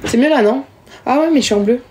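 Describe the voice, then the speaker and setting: A woman's voice: sits high, quick pace, mellow, slight background noise. A young woman chatting casually with viewers during a live stream, self-mocking and talkative, recorded on a phone at home. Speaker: livestreamer.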